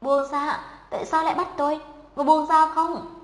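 A woman's voice: sits high, a little slow. A woman voicing a scared, defiant schoolgirl. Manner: stammering, crying out. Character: frightened but defiant schoolgirl heroine. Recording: echoey room with long reverb.

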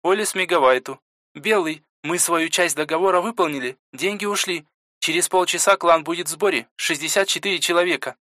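A furious young woman warrior shrieks curses, as a male reader puts her on, her voice pushed well up into a high, strained register. The recording is dry and close, with no room sound. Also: a little fast, pushed and bright, no echo. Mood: tense. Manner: swearing, screaming in rage.

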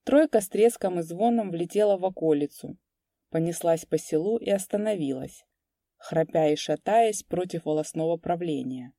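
A woman reads a story aloud in a steady, measured way. Her voice is low and mellow, recorded dry and close with no room sound. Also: no echo. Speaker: narrator. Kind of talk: audiobook narration.

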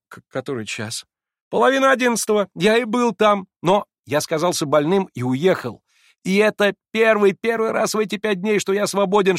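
Guy putting on a jittery young man, high and breathless, protesting, storybook reading, dry sound. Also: no echo. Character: excitable young man pleading his innocence.

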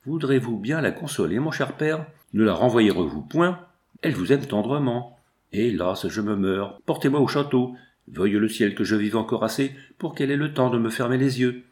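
A man voicing a gentle young princess who pleads tenderly for forgiveness in a storybook reading. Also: mid-range voice, lively intonation, normal speed, close to an everyday voice. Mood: pleading.

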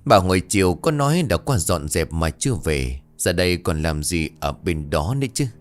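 A worried older country husband, as a male storyteller plays him, calling out in a low, trembling voice. His pitch swings widely as his fear mounts. Faint music sits under this audio ghost story. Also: very animated, moderate pace. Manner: calls out loud, voice trembling. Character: anxious older rural husband.

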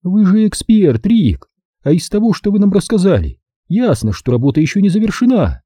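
Brief: sugary, flirtatious actress, pitched way up as a man reads her in an audiobook. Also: big pitch swings, normal speed, warm tone, breathy edge, dry recording, studio quality, full character voice. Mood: cooing. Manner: coaxing, sugary. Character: cooing, flirtatious woman film star.

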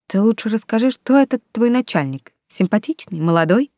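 A woman's voice: on the high side, animated, brisk, a little mellow, dry recording, pitched above the performer's own voice. A woman voicing a bold, blunt young woman who teases her friend, in a dry close reading. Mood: teasing. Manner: blunt, teasing.

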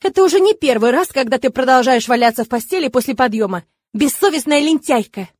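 A woman's voice: sits high, animated, quick pace, no echo, studio quality. A woman voicing a spiteful, screeching middle-aged nun who scolds with venom. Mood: scolding.

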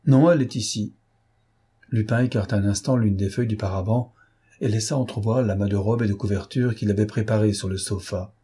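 A man reading a novel aloud as an audiobook in a measured, dramatic way. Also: fairly low pitch, fairly even intonation, warm tone, breathy edge. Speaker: audiobook narrator. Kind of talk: scripted narration.

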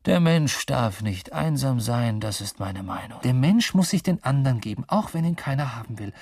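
A man narrating a radio drama in the first person, rambling and drunken, muttering to himself with sudden swings in pitch. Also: lively intonation, normal speed, gravelly, a little mellow, breathy edge, dry recording, clean studio sound. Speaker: narrator and lead actor.

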